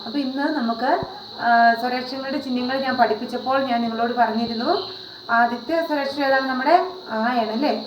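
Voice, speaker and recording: A woman teaching a video lesson in a patient way, repeating points and asking the listeners questions. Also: on the high side. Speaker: Hindi teacher. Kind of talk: classroom-style video lesson. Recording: roomy, dull lo-fi with faint noise.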